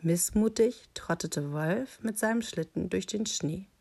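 A woman reading a children's picture book aloud, with calm, deliberate storytelling. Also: mid-range voice, vocal fry, husky.

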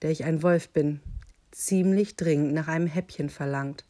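A woman voicing a hungry, falsely polite male wolf who speaks in a put-on deep voice with a lisp. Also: normal speed, warm tone, lightly acted. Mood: sly. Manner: mock-polite, scheming. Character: smooth-talking hungry male wolf, sly.

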